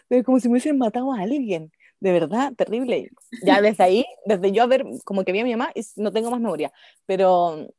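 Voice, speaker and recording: A Chilean woman spins a funny childhood story for a casual podcast, slangy and animated, jumping between hushed asides and loud shouts through laughter. Her voice is close and dry, with no room sound around it. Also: fairly high pitch, no echo. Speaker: podcast co-host.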